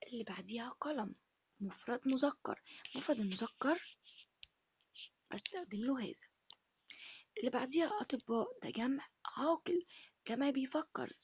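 Husky breathy Egyptian woman teacher. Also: high-pitched, a little mellow, no room sound, dull audio. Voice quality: breathy, half-whispered. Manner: asks the class questions and answers them herself. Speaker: primary school Arabic teacher. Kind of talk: recorded lesson for first graders.

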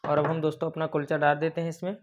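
Speaking fast and in a monotone, a young man with a highish voice narrates a recipe for his baking channel, constantly calling viewers friends. Background noise is audible, and the lapel-mic audio sounds dull and lo-fi.

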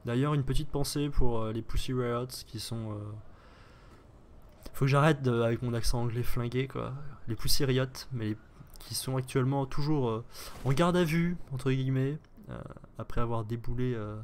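A man's voice: medium pitch, normal speed, a little mellow, a little hiss or hum. A man with a French accent giving casual, joking gameplay commentary as a streamer, thinking aloud as he plays. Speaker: gaming streamer.

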